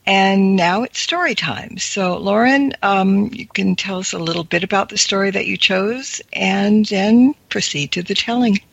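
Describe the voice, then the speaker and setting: A woman's voice: mid-range voice, unhurried, gravelly, few pauses. A woman hosting a talk show, casually introducing her guest. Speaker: interview host. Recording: dull dry lo-fi sound.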